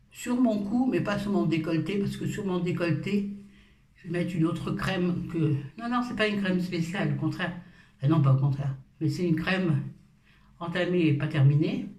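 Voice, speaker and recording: A woman's voice: on the low side, dark tone. A woman in her fifties chatting casually and playfully through her skincare routine at home, with self-mocking asides. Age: 50s. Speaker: beauty vlogger. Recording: roomy echo, far from the mic.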